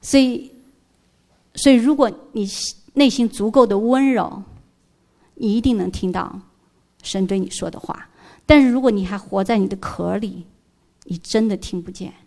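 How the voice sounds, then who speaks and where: A woman's voice: medium pitch, normal speed, pauses often, warm tone. A middle-aged woman giving an emotional church testimony, telling her story earnestly and dropping in English words.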